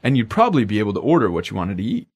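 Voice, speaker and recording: A man's voice: on the low side, wildly swooping pitch, rapid-fire, a little mellow, slightly rough. A man co-hosting a language lesson podcast in upbeat, jokey scripted banter.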